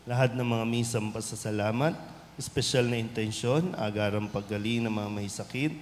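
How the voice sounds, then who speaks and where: Filipino priest in a reverberant church. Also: male voice, mid-range voice, a little mellow, a little hiss or hum. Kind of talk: homily and liturgical prayer. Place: large church, amplified.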